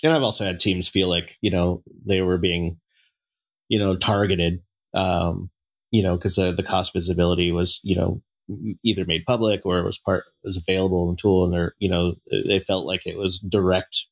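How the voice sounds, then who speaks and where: A man co-hosting a casual tech podcast, talking in a halting way with many fillers and restarts and a self-mocking sense of humor. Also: low-pitched, flat delivery. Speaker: podcast co-host.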